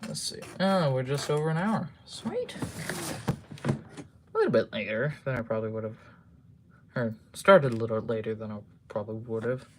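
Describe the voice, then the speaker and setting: A man's voice: medium pitch, fairly quick, noisy background. A man chatting casually on a live stream while building model trains at a home workbench, rambling with lots of fillers and casual swearing.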